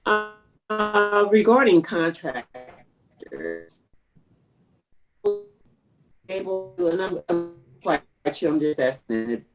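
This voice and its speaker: A woman's voice: fairly low pitch, sing-song, over music, poor audio. Woman on a choppy, breaking-up call. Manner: hesitant, halting, with restarts. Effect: choppy, breaking-up online call audio. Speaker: board member. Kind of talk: asking a question in a remote meeting. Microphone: remote video call.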